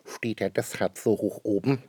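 A man voicing a small excited boy who longs for a puppy, in a storybook reading. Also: on the low side, normal speed, husky, dry recording. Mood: wondering. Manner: eager, breathless with joy.

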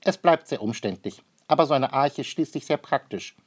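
A man voicing a fussy, curious male water bird in a read-aloud storybook, talking in a high, questioning, naively clever way. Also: lively intonation, normal speed, husky.

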